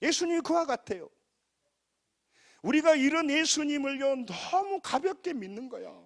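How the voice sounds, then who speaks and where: A man with a Jeolla accent preaches in a high, bright-pitched voice that swoops up and down with a lot of life. He talks in a folksy, emphatic way and has the congregation say lines back to him. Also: big pitch swings, normal speed, gravelly. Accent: Jeolla Korean. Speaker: pastor. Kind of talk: sermon.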